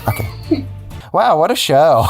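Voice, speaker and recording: A man's voice: on the low side, moderate pace, a little mellow, soft background music. A man hosting a comedy podcast, improvising chat and mock interviews with a mock-sincere, hesitant delivery.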